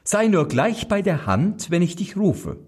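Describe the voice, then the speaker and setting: A man's voice: sits high, sing-song, a little slow, darkish tone, husky, voice pushed up, exaggerated voice. A man voicing a bitter discharged soldier who gives curt, bossy orders, in a fairy tale reading. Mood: commanding.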